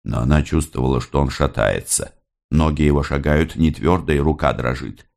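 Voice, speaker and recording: Deep-voiced man narrating an audiobook. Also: gravelly, darkish tone. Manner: measured dramatic storytelling.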